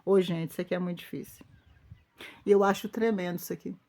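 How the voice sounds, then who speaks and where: A woman's voice: fairly low pitch, steady tone, quick pace, darkish tone. A woman pastor with a Brazilian Portuguese accent preaching an informal sermon, speaking emphatically, repeating phrases and addressing her listeners directly.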